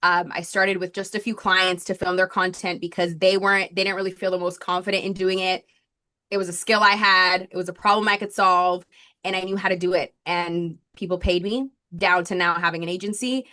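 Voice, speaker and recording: With a fairly low pitch, steady tone, and sharp edge, she speaks fairly quickly. She's a Colombian marketing strategist in her thirties telling her story as a podcast guest, chatting nonstop with many fillers and "likes."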